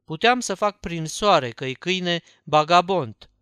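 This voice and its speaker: A jittery, frightened boy voiced by a man reading aloud, urging and pleading in hushed, anxious tones. The voice is bright and crisp, a little high, recorded dry and close. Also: lively intonation, no echo. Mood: scared. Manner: anxious pleading whisper-talk. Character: frightened scrappy young boy, Huckleberry.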